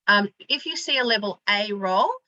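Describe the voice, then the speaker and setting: A woman's voice: mid-range voice, lively intonation, brisk, bright, forceful tone, highs cut off. A woman teaching an online class as a university lecturer, speaking informally with many fillers and restarts. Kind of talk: online class on academic job hunting.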